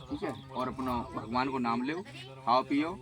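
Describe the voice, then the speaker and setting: A man's voice: medium pitch, steady tone, normal speed, very noisy. A man acting as a shrine healer, giving a visitor firm, assertive advice. He keeps promising results and checking that he is understood. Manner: assertive, repeats "guarantee" and checks "ठीक है?". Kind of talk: advising a visitor.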